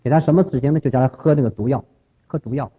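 A man's voice: medium pitch, very fast. A man giving a storytelling lecture, repeating phrases emphatically as he retells the story. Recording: husky lo-fi phone-like audio.

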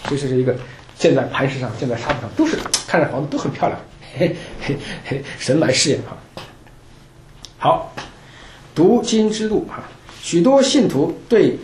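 Brief: fast, jokey Bible class leader, lively delivery, echoey room. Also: medium pitch, a little hiss or hum. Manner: chatty, joking, laughs often, many restarts. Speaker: Bible study teacher. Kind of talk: informal Bible class talk. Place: church meeting room with a group. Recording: roomy room echo.

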